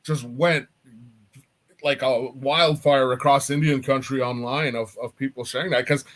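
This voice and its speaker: A man's voice: medium pitch, steady tone, unhurried, fairly bright tone. Easygoing man chatting on a video call. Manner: easygoing, laughs while explaining. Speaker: artist and apparel designer, guest. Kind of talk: casual video call chat.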